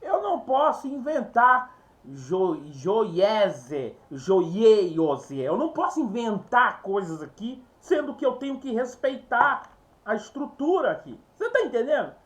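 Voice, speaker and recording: A man's voice: extremely high pitch, very animated, normal speed, a bit bright. A man giving an informal Bible lesson, explaining step by step, repeating words and often calling out to his viewers. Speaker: Bible teacher.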